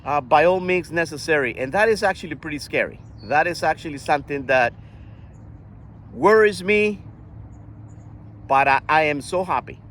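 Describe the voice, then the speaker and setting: An older man from Costa Rica talking earnestly in a casual monologue, often halting and restarting his sentences. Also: fairly high pitch, a bit bright, a little hiss or hum. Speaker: vlogger.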